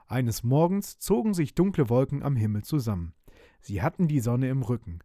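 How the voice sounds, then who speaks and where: Male storyteller for a children's pirate tale, animated, dry studio read. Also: mid-range voice, moderate pace, dry recording. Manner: lively, expressive, voices the characters. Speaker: narrator. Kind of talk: storybook reading.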